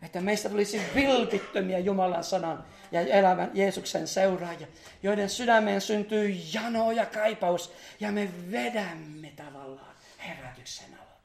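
A man's voice: high-pitched, creaky, echoey room. A man preaching a charismatic sermon, fervent, breaking into hallelujahs and laughter. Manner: fervent, exclaims hallelujah, laughs between phrases. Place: church meeting hall.

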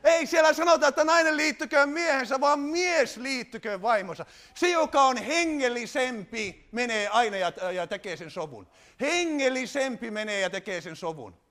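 A man preaching a sermon, animated, putting rhetorical questions to his congregation. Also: very high voice.

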